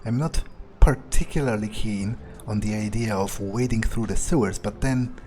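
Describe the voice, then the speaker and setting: Playing in character, a man muses aloud over his gameplay with sardonic commentary. His voice sits on the low side and sounds mellow, with game music behind him.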